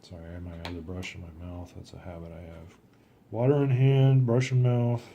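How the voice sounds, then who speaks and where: A man's voice: low-pitched, level tone, a little fast, highs cut off, a little hiss or hum. A man casually talking through his watercolor technique as he paints, thinking aloud and often trailing off. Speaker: watercolor artist.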